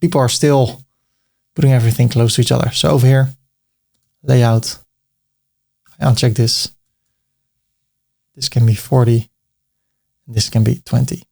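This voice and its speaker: A Dutch-accented man talks through a web design tutorial as he clicks in a screen recording, thinking aloud, repeating words, and slipping in dry jokes. His gravelly, darkish voice sits at medium pitch with fairly even intonation, moving at normal speed with long pauses.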